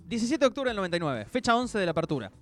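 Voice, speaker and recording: A man's voice: high-pitched, very animated, racing, soft background music. A man with an Argentine accent presenting a conversational football nostalgia segment with an emphatic delivery. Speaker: sports radio show presenter.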